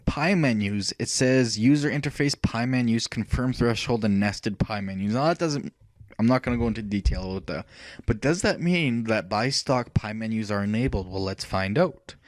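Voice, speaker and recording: A man hosting a software tutorial, thinking aloud as he clicks through features, rambling with fillers and self-corrections. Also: lowish voice, normal speed, no echo. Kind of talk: casual screen-recorded software walkthrough.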